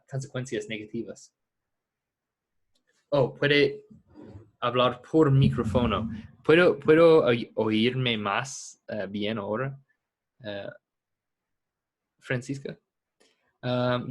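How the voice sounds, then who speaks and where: A man from the United States, a native English speaker teaching a class discussion in American-accented Spanish, halting as he searches for words. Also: medium pitch. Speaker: ethics teacher. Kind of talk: lecture discussion with students.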